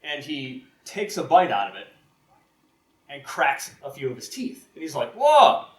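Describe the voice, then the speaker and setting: A man telling folklore stories live at a convention, casual and animated, laughing often and saying "like" a lot. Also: mid-range voice, normal speed. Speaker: storyteller. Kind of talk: live storytelling talk. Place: convention room, live audience. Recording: ambient roomy live recording.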